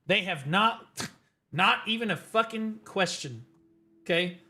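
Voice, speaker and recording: Profane ranting streamer on headset mic. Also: male voice, sits high, lively intonation, a little slow, bright, forceful tone, breathy edge. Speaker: livestream gamer. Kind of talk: casual livestream commentary.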